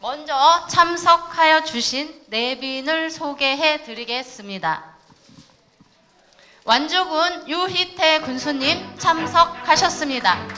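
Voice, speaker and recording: A woman's voice: sits high, slow, pushed and bright, soft background music. A woman emceeing a ceremony, politely introducing guests one by one in a formal announcing style. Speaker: event emcee.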